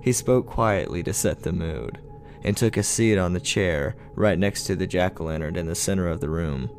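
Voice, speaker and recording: Low-voiced man narrating a horror story. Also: darkish tone, a little hiss or hum. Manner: measured, storytelling delivery. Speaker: podcast narrator.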